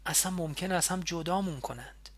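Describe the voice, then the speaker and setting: A man reading a calm, sardonic young man who coolly scolds his comrade. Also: on the high side, no echo, close to an everyday voice. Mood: reproachful. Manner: cool and reproachful, building to sharp lecturing.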